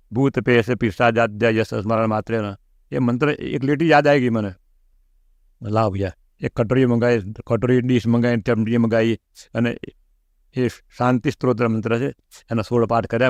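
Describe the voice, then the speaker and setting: A middle-aged man, an interview guest, telling a personal pilgrimage story in an animated way and acting out the lines he quotes. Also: medium pitch, dry recording. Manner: animated, acts out quoted speech.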